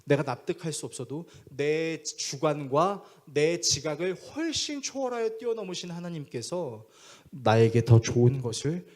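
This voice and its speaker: A man's voice: a little high, measured pace, hardly any pauses. A male pastor preaching a sermon, telling a story vividly and acting out the dialogue. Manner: animated storyteller who acts out dialogue.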